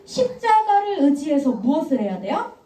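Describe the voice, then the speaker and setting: Animated woman preaching to small children. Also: high voice, moderate pace. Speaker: children's church evangelist. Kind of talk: children's sermon. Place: church room. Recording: echoey room, mic far off.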